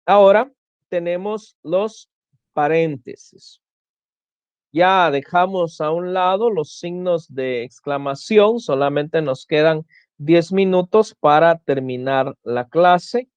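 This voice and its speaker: A man lectures a class at an unhurried, deliberate pace, his voice sitting a little high for a man. He explains step by step and often circles back to restart a phrase. The sound is dry and somewhat dull and lo-fi. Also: smooth, no room sound. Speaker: teacher.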